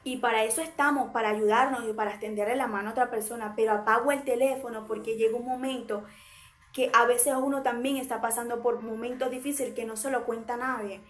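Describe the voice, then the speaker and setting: A woman delivers a sermon in a high voice, stacking short repeated phrases for emphasis. Her voice rings with a roomy echo around it. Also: steady tone, quick pace. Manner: emphatic, repetitive preaching in short parallel phrases. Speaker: preacher.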